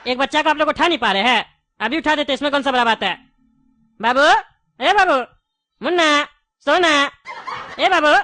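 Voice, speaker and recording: A woman's voice: high-pitched, sharp tone, dry recording. A woman voicing a chatty, wary male candy shopkeeper in a cartoon. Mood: coaxing. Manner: chatty, wary, quick to take offence. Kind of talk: cartoon voice acting.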